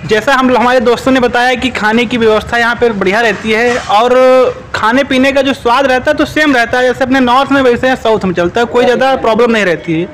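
A man's voice: very high-pitched, a little fast, hardly any pauses, fairly bright tone, slight background noise, poor audio. A young man giving casual, easygoing answers in an interview, with a few hesitant restarts. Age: young adult. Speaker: student being interviewed.

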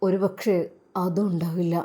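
A woman voicing an earnest young man who speaks in a low, quiet, solemn way about leaving home. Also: flat delivery, normal speed, slightly rough.

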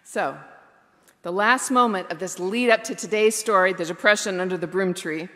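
A woman pastor preaching a sermon in a reflective, candid way, slowing down for emphasis. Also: medium pitch, pushed and bright, big-room sound. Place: church.

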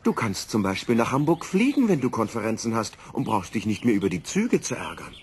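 A man voicing a calm, practical middle-aged wife in a storybook reading. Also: mid-range voice, a little fast, slightly rough. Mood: encouraging. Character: sensible middle-aged housewife.

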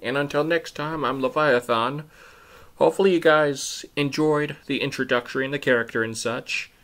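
Creaky-voiced man narrating a story. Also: mid-range voice, moderate pace. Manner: plain, steady reading with a casual sign-off. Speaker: channel host and storyteller.

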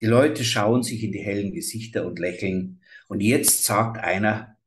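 Male storyteller, measured, unhurried fairy-tale reading. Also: on the low side.

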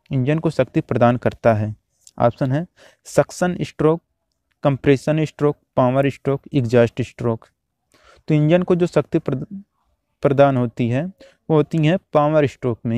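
A man teaching, reading out quiz questions and their options one by one, then repeating each answer in a steady drill. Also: medium pitch, no room sound. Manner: steady, repetitive exam-drill delivery.

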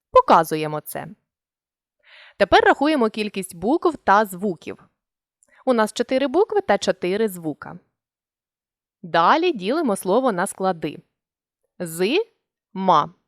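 A woman teaching a lesson, explaining step by step and calling out terms one at a time in a clear, measured way. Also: medium pitch, no room sound, studio quality. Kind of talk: instructional explanation.

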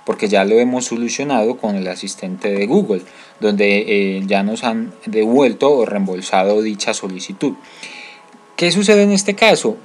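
Colombian man hosting a how-to walkthrough, medium pitch, chatty with fillers, soft music bed. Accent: Colombian Spanish. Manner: explanatory, many fillers and restarts. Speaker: tutorial host. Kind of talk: screen-recorded tutorial walkthrough.

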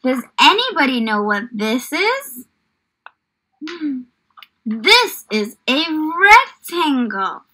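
This young adult woman has a high, very animated voice with a sharp tone, speaking slowly and pausing often, on a poor recording. She is teaching small children in a small indoor room, giving an encouraging, exaggerated lesson and read-aloud filled with questions.

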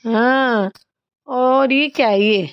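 A woman's voice: a little high, very slow, smooth, dry recording. A woman quizzing her young daughter on her homework, scolding and teasing by turns. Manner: teasing, questioning, slightly raised voice. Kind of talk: scolding and coaching a child at homework. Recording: slightly dull lo-fi phone audio.

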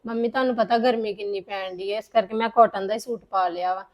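A young woman playing a daughter in a family drama, calmly reassuring her mother. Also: mid-range voice, fast, close to an everyday voice. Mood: soothing. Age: young adult. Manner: soothing, reassuring. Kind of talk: acted family drama dialogue.

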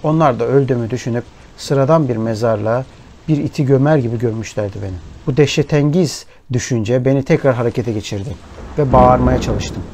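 A man reading a story aloud in a measured, somber storytelling manner. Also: mid-range voice, a little mellow, slight background noise. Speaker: narrator. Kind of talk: scripted audiobook narration. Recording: rain and thunder behind the voice. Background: rain and thunderstorm ambience.

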